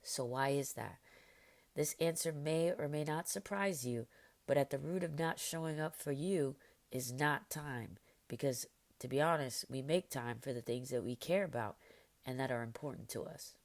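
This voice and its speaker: A woman hosting a motivational podcast, hoarse and raspy as she is losing her voice from illness, upbeat and encouraging with many fillers. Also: extremely low pitch, moderate pace. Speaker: podcast host.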